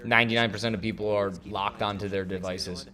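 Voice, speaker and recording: A man hosting a live-stream watch party, chatting casually and teasing with loud bursts of mock outrage. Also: on the low side, steady tone, brisk.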